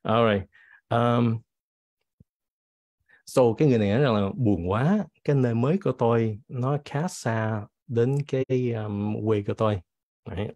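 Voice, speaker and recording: A man teaching English vocabulary in a bilingual lesson, with a cold that makes him clear his throat, reading example sentences slowly. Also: medium pitch, a little mellow, no echo. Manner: switches between English and Vietnamese, reads example sentences slowly.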